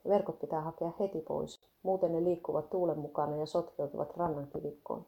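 A woman reading the lines of a stubborn male fisherman, with short gruff orders. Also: low voice, fairly even intonation, muffled recording. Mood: urgent.

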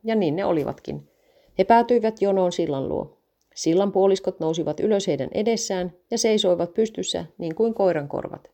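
A woman reading a story aloud in a calm, even storytelling manner. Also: mid-range voice.

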